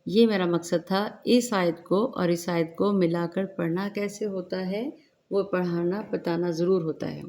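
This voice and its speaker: A woman teaching Quran recitation in a tajweed lesson, explaining each rule slowly and deliberately between drawn-out recited words. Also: fairly low pitch, steady tone, darkish tone.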